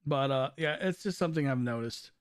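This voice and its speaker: A man of medium pitch talks briskly over live gameplay as a streamer, rambling and self-correcting while his overused voice gives out. The sound is clean studio audio with no room sound.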